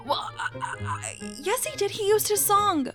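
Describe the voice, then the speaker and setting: A woman's voice: extremely high pitch, very animated, normal speed, over music. Woman voicing a defiant young boy bard. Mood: indignant. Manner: stammering, indignant.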